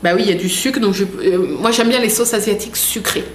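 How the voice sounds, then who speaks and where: A woman's voice: mid-range voice, a little fast. A woman vlogger chatting casually as she unboxes products, reading labels aloud with many fillers. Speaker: vlogger unboxing a food box. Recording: echoey room with faint noise.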